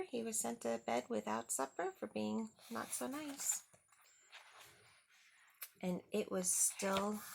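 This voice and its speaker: Reading a picture book to little kids, this female storyteller has a fairly high voice with vocal fry, and the recording carries a slight hiss or hum. Her delivery is simple and aimed at children, sprinkled with rhetorical questions and asides.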